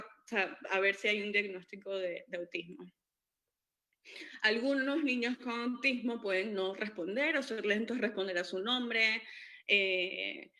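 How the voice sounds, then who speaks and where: Bright-voiced woman explaining. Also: medium pitch. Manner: hesitant, many fillers and restarts. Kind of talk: informal educational talk.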